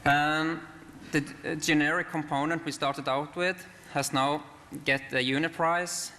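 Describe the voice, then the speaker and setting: A man giving a live software demonstration, explaining what is shown on screen. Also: on the high side, steady tone, a little slow. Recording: hall reverb with faint noise.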